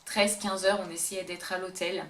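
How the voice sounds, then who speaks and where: A woman's voice: fairly low pitch, level tone, moderate pace, a bit bright. Female vlogger, upbeat casual delivery with hesitations, roomy echo, faint hum. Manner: chatty and upbeat, with frequent hesitations. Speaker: beauty and travel vlogger. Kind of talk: casual face-camera travel tips chat. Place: indoor room, talking to camera.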